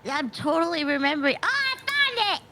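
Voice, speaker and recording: Very high, excitable woman player. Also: fairly quick, slight background noise. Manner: excitable, gasping and exclaiming. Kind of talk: playing a tabletop character.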